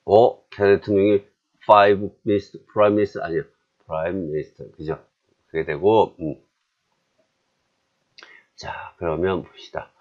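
Male English teacher, Korean accent, low voice, unhurried drills, dull lo-fi recording. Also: steady tone. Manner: chatty, self-deprecating, repeats drills slowly. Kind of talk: classroom grammar lesson.

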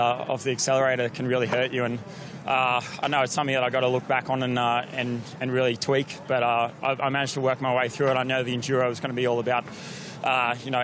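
Quick-talking shivering man outdoors. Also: medium pitch, noisy background. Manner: breathless, chatty, many fillers and restarts. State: shivering from cold. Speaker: triathlete, race winner. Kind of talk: post-race interview. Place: outdoors at a race venue.

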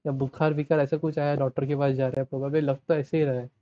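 A man's voice: medium pitch, level tone, fast talker, no room sound. Casual young guy reacting to a trailer, muffled lo-fi mic, keeps trailing off and restarting. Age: young adult. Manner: chatty, mixes Hindi and English, trails off and restarts. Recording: dull, lo-fi dry sound.

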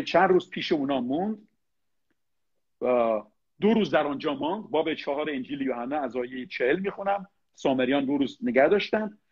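A man's voice: mid-range voice, darkish tone, husky, highs cut off. A middle-aged man, a pastor, preaching a sermon, asking his listeners pointed rhetorical questions and addressing them directly.

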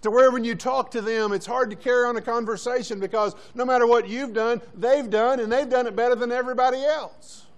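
A high-voiced man preaching a sermon in a church, pressing his congregation with short repeated commands. He keeps asking them questions, and he is out of breath. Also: fairly even intonation, fairly quick, few pauses. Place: church sanctuary.

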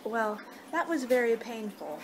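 A young adult from the United States, this woman rambles conversationally in a casual ASMR roleplay as a vampire, speaking a little slowly in a fairly high voice with big pitch swings. It's a noisy amateur webcam recording made indoors in her living room.

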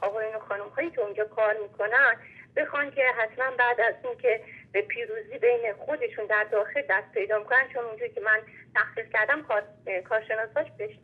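Husky woman calling in by phone. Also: on the high side. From Iran. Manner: earnest, insistent, argues at length. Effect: heard over a phone line. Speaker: radio show caller. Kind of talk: call-in question to the host. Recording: tinny phone line.

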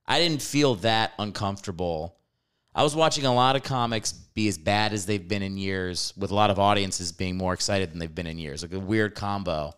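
A man hosting a podcast speaks in a clear, resonant, slightly low voice. He keeps things easygoing, teases his guest and backs him up. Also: a bit bright. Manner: easygoing, teasing, affirming. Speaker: podcast host. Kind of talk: casual podcast chat.

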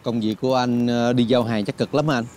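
An actor playing a polite, dutiful young man who speaks softly and reassuringly. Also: medium pitch, steady tone, brisk, lightly acted. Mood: curious. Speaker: son phoning his mother. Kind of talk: TV drama acting. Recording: rain noise behind the voice.

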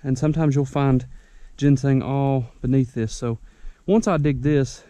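A man's voice: mid-range voice, unhurried, dark tone, no echo. A young man, out of breath, giving folksy, rambling how-to tips outdoors on a wooded mountainside. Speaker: ginseng hunter vlogger. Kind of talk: casual outdoor how-to vlog.

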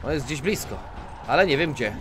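A man giving let's play commentary, talking to himself and switching between low mutters and sudden yelps. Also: animated, a little fast, noisy background. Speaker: gaming YouTuber.

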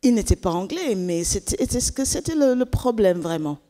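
Animated woman telling a children's story. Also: medium pitch, brisk. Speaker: children's storyteller at a church service. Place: church. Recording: echoey church hall.

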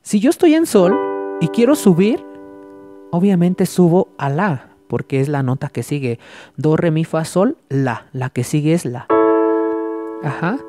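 A man's voice: a little high, expressive, measured pace. A man giving a casual spoken piano tutorial, chatty and stumbling over words as he explains. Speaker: piano teacher. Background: piano playing.

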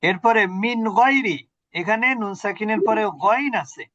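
A man's voice: high voice, moderate pace, a bit bright, no echo, dull audio. A man teaching Quran recitation online, patiently repeating points and quizzing his students. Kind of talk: online tajweed lesson.

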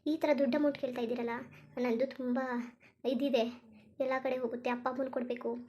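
A woman's voice: high-pitched, little pitch movement, fairly quick, dark tone, close to an everyday voice. A woman voicing an apologetic young female friend in a cartoon, chatty and full of explanations. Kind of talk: cartoon voice acting.

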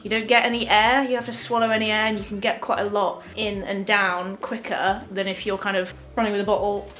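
A woman's voice: medium pitch, little pitch movement, a little fast, fairly bright tone. A young woman chatting in a casual vlog, upbeat and talkative. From England. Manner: chatty and upbeat, with frequent laughs. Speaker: vlogger and marathon runner. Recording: echoey room with faint music.

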